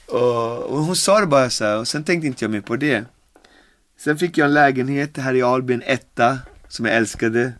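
Dogs share the home where this forty-something man from the Caribbean narrates his own story for an interview. His telling is casual and energetic, packed with acted-out quotes and fillers, in a medium pitch on a dry recording.

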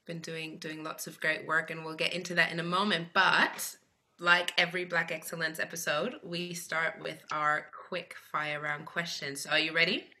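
A woman's voice: low voice, little pitch movement, moderate pace, bright, forceful tone. A woman hosting a podcast interview in a friendly chat style. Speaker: podcast host.

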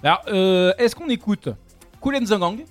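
A man's voice: sits high, moderate pace, no echo, faint music behind. A young man co-hosting a casual chat, bantering and teasing his partner. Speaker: co-host.

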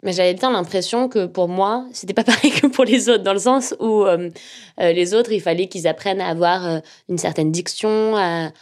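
A young woman, a journalist, telling her own story in a relaxed, hesitant way, with a slightly nasal voice and many fillers. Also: mid-range voice, normal speed. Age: young adult. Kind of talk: casual personal storytelling.

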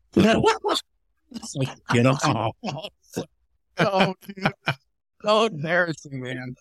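Man quickly recounting an embarrassing gig. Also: sits high, animated, fairly bright tone, no room sound. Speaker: comedian guest. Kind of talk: casual chat, anecdote.

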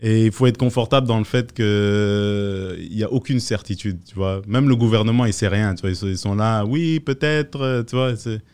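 A man's voice: lowish voice, moderate pace, hardly any pauses, darkish tone, clean tone. A man from France with a neutral French accent, chatting casually as a comedian guest, hesitant with frequent fillers and English phrases. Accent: French, neutral international. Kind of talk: casual podcast chat.

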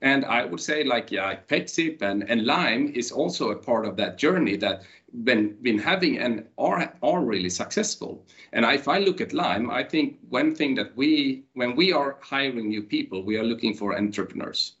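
A man speaking as an executive in an unscripted panel discussion, halting and repeating words. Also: medium pitch, animated, a bit bright. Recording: dull lo-fi sound.

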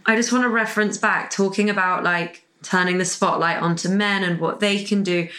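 A woman's voice: medium pitch, fairly even intonation, a little fast, pushed and bright. A woman co-hosting a podcast in a casual conversational style. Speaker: podcast co-host.

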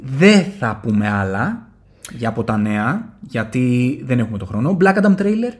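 A talkative man co-hosting a casual film chat, his pitch swinging widely in an animated, chatty way. He steers each segment and keeps the conversation rolling at a middle pitch. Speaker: podcast co-host. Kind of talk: casual pop-culture chat.

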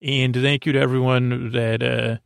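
This sleep podcast's male host speaks with a creaky mid-range voice, a level tone and a moderate pace. He's gently reassuring throughout a soothing monologue in which he rambles, pauses, repeats himself and trips over words. Clean studio sound, no echo.

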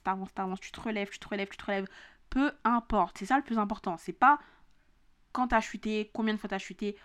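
A young woman with a southern French accent, hosting a motivational podcast in a casual, slangy monologue and repeating phrases for emphasis. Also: medium pitch. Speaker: podcast host.

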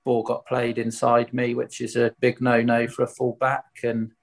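This Swindon man, an ex-footballer with a Wiltshire accent, shares anecdotes in a relaxed interview chat, candid and colloquial while second-guessing himself. He speaks at medium pitch and a moderate pace, in a completely flat delivery with vocal fry.

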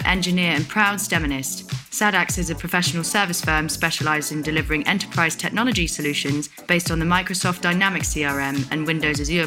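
Brisk woman host over music. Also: low-pitched. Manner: brisk, read-out. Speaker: show host. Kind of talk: scripted intro.

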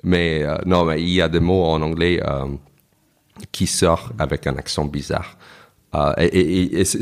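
A man from the United States with an American accent, speaking French as a second language as an interview guest, reflective and anecdotal, often restarting his sentences. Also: low-pitched. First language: English. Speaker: guest, author. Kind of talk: casual interview conversation.

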